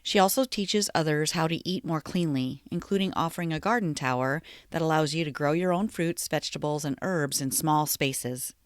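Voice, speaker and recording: Low-voiced woman hosting a video interview. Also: normal speed, hardly any pauses, no echo, studio quality. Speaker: podcast host. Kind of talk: casual interview chat.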